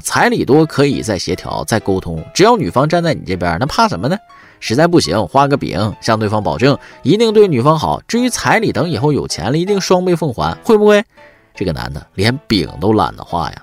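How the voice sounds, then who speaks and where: A man hosting a podcast, giving comedic commentary on news stories in a wry, teasing way. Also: medium pitch. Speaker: podcast host.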